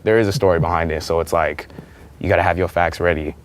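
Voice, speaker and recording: A man's voice: low voice, quick pace, a little hiss or hum. A young man, chatting casually as a panel guest in a college TV studio, slangy and full of fillers. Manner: slangy, filler-heavy, animated storytelling. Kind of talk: casual chat.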